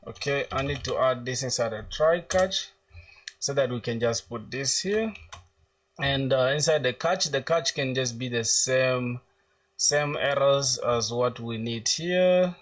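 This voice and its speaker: A man's voice: medium pitch, measured pace, far from the mic. Laid-back young man thinking aloud while coding. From South Sudan. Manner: thinks aloud while coding, reads chat questions aloud, slangy. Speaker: coding livestreamer. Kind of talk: casual live coding narration.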